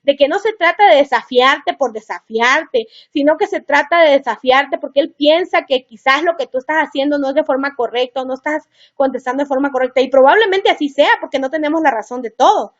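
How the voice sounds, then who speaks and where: High-voiced chatty woman giving parenting advice. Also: a little fast. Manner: chatty, earnest, advice-giving, talks to the listener directly. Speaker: seminar speaker for parents. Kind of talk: parenting seminar talk. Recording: dull lo-fi recording.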